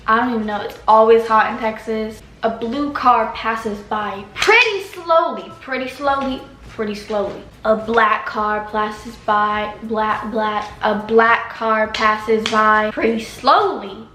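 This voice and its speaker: A woman's voice: a little high, slow pace, few pauses, sharp tone. A teenage girl telling a story in a casual, dramatic way, full of slang. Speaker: vlogger. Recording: echoey room, faint background hiss.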